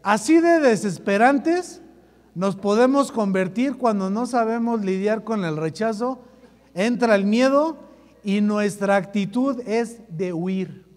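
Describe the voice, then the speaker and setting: A man's voice: high voice, lively intonation, slow pace. A man giving a joking, slang-filled sermon to a youth group. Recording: echoey hall reverb.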